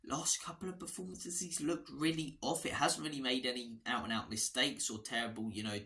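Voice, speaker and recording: Talking briskly in a steady, mid-range voice, a man hosting a fan channel runs through a football preview as a loose, chatty monologue. His hoarse voice sounds bright and forceful, and he drifts off topic and restarts phrases along the way.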